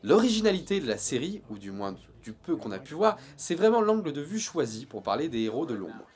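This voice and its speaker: A man's voice: on the high side, big pitch swings, a little fast, a little mellow. A man reviewing TV series in a casual video, joking and sarcastic at times, then settling into an earnest critique.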